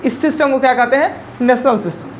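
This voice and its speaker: A woman's voice: high voice, fast, a little hiss or hum. Woman teacher with Bihari Hindi accent. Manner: explains step by step, counting digits aloud and repeating key points. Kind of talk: live classroom lecture. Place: classroom.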